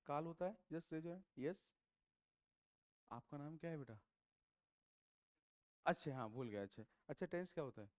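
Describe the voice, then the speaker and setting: A man teaching a class of students, switching between Hindi and English, constantly quizzing them with rapid checks for understanding. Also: fairly high pitch. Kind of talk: classroom lecture. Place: coaching classroom.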